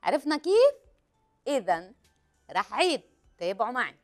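A woman with a Levantine Arabic accent, a teacher giving a children's language lesson. She stretches words out slowly and keeps quizzing her viewers. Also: fairly high pitch, sing-song, soft background music.

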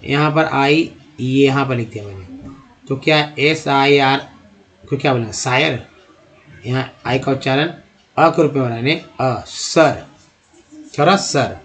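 A man's voice: mid-range voice, normal speed, fairly bright tone. A man teaching English pronunciation, spelling out words letter by letter and asking and answering his own questions. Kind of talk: spoken English lesson.

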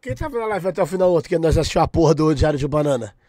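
A young man with a Brazilian accent, chatting on a live stream, loud and profane, shouting thanks at his chat. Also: fairly high pitch, animated, rapid-fire, background noise. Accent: Brazilian Portuguese.

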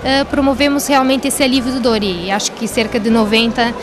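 A woman's voice: fairly high pitch, fairly quick, background noise. A woman health professional confidently explaining a treatment in an interview.

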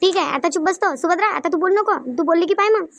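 A high, brisk cartoon village woman pleads for calm, repeating herself gently, as a woman acts her out. She speaks with a Varhadi Marathi accent. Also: exaggerated voice. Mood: soothing. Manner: soothing, pleading, repetitive. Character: calm peacemaking group leader woman Sulochana.

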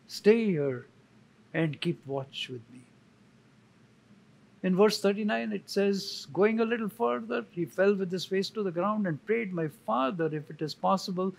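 A man, a church elder, preaching a sermon slowly and emphatically, pausing for effect and repeating key words. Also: high voice, creaky, darkish tone, breathy edge, poor audio. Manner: slow, emphatic, with dramatic pauses and repetition.

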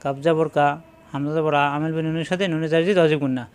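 A man teaching Quran reading, spelling each syllable aloud and then chanting the joined words in a slow, drawn-out tune. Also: on the high side, level tone, a little mellow, smooth. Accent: Bangladeshi Bengali. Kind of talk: slow letter-by-letter recitation lesson.

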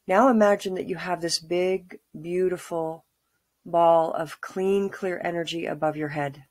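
A middle-aged woman leading a calm guided grounding exercise, giving soothing, unhurried instructions with pauses. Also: lowish voice, no echo. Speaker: meditation guide. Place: small room at home, indoors.

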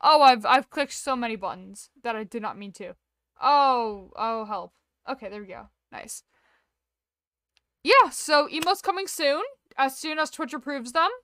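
A woman game streamer with a fairly high, very smooth voice, close and dry on a compressed mic. She chats casually and playfully to viewers, breaking into exclamations and cutting herself off. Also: expressive, measured pace, a bit bright, no room sound. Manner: playful, self-interrupting, exclamatory. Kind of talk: casual livestream chat while gaming. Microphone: close streaming microphone with software compressor.

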